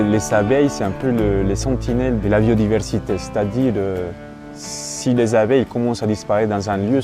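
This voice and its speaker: Man, low mellow voice, thoughtful interview speaker, faint music underneath. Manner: thoughtful, hesitant with fillers. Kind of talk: reflective interview.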